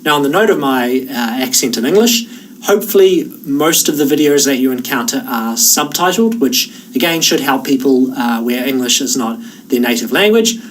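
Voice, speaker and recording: A man with a Kiwi accent talks students through an online course in an easy, chatty way, now and then pausing on an "uh". His voice sits at an ordinary middle pitch. He sounds set back from the microphone, with a faint hum of noise behind him. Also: recorded from a distance, low-quality recording. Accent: New Zealand. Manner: relaxed, conversational, with frequent "uh" fillers. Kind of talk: course orientation talk to camera.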